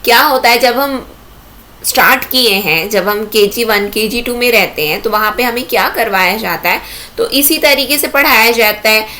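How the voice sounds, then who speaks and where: A woman's voice: fairly high pitch, normal speed, bright, forceful tone, slight background noise. A woman teaching an exam-prep lecture, explaining step by step and asking herself rhetorical questions.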